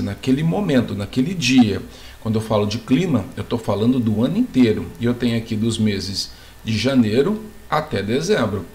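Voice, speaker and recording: A man's voice: medium pitch, a little mellow. A man teaching a geography lesson, explaining step by step, asking the class questions and checking in with them as he goes. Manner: asks the class questions, then answers them. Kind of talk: video lesson.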